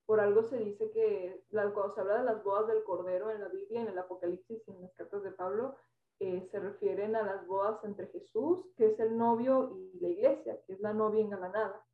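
A woman talking calmly about faith in a reflective, explanatory way. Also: medium pitch, a little fast. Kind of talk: casual faith talk. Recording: tinny phone-like sound, echoey, far from mic.

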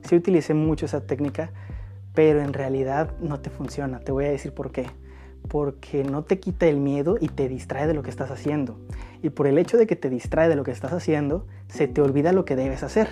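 Mellow-voiced man giving podcast advice. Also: a little high, brisk, faint music behind. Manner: reads out listener questions and answers them in a relaxed, coaching way. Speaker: podcast host.

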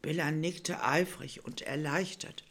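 A woman reading a children's story aloud in a calm, gentle storytelling manner. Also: low-pitched, unhurried.

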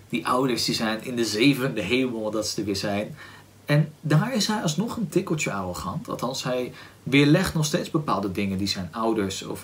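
A man with a Dutch accent hosting a book podcast, talking casually and thoughtfully, often pausing to search for words with "ehm" and restarts. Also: on the low side, a bit bright. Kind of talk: casual book discussion with read-aloud passage.

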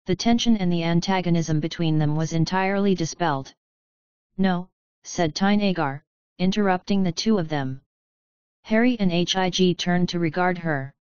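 A woman reading a story aloud as narrator in an even, measured way. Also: lowish voice, clean tone, no room sound. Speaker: audiobook narrator. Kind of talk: scripted narration. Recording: slightly muffled close recording.

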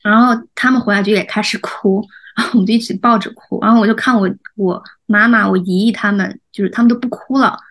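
A woman co-hosting a podcast who recounts a memory emotionally, halting and searching for words. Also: mid-range voice, fairly even intonation, a bit bright. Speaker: podcast co-host. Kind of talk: podcast conversation.

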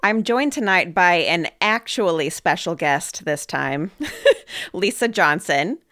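A young woman from Oregon hosting a podcast, chatty and quick to laugh. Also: on the low side, lively intonation, pushed and bright, dry recording, studio quality. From Oregon, USA. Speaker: podcast host and producer. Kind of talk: casual podcast chat.

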